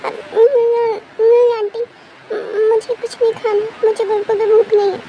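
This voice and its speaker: A woman's voice: very high-pitched, flat delivery, moderate pace, muffled recording, slight background noise, voice pushed up. A woman doing a sobbing, stammering young woman. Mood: tearful. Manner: stammering through tears.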